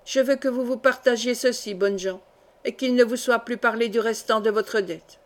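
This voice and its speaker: A woman's voice: fairly high pitch, steady tone, normal speed, lightly acted. A woman reading the part of a proud, grieving old count in a solemn, grave tone.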